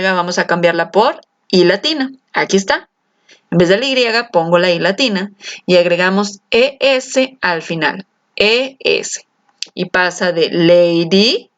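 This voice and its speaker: A woman teaching an English grammar lesson, lively and coaxing, asking her students questions and stretching out key words. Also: mid-range voice. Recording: slightly dull lo-fi sound.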